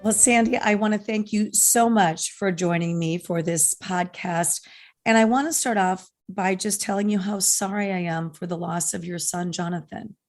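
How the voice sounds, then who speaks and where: A middle-aged woman with a raspy voice, hoarse from laryngitis, hosting an interview podcast and speaking as its presenter. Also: mid-range voice, moderate pace, faint music behind.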